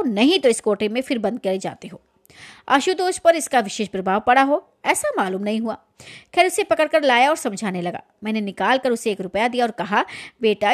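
High-voiced woman reading a story. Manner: reads dramatically, then comments with fillers. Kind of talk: reading a short story aloud.

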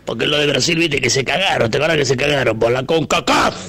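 A man's voice: medium pitch, fast talker. A man playing a crude, rambling Argentine bloke stuck on the road, in a comic radio phone-in bit with an Argentine accent. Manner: rambling, swearing, slips into rough shouting.

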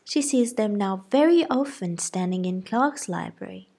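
A woman's voice: medium pitch, expressive, a little slow, warm tone, husky. A woman voicing a giddy, flighty teenage girl chattering eagerly in a storybook reading.

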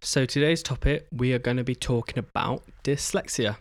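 A young man hosting his own podcast in a casual solo talk, halting, with many pauses and restarts. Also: medium pitch, dry recording, studio quality. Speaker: podcast host.

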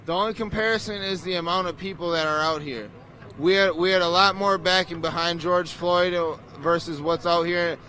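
A man's voice: sits high, fairly even intonation, normal speed, pushed and bright. A man protester in a street interview, choked up, speaking earnestly and emotionally outdoors.

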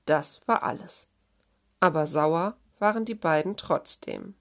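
A woman reading a children's story aloud in a gentle, expressive way. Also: low-pitched, a little slow.

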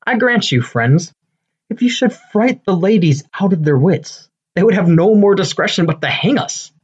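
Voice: medium pitch, expressive, normal speed, a little mellow, husky, muffled recording. An actor playing a boastful, eager male weaver in a Shakespearean comedy, declaiming in a self-important, bombastic way. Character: Bottom, boastful, eager amateur-actor weaver, adult man.

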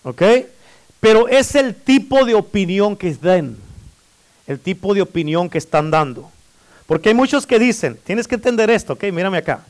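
Man, pastor, high voice, preaching, call-and-response amens, playful teasing. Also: very animated, normal speed. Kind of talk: sermon. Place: church.

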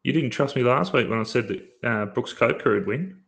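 Blokey Australian man with a gravelly voice. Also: mid-range voice, a little fast, a bit bright. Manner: blokey, colloquial. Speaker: podcast host. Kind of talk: casual betting podcast banter.

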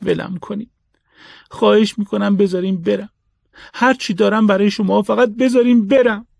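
A man voicing a desperate, hunted man who begs and shouts in panic, in a storybook reading. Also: high-pitched, fairly even intonation, vocal fry, no echo, voice pushed up. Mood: pleading. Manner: frantic begging, shouting.

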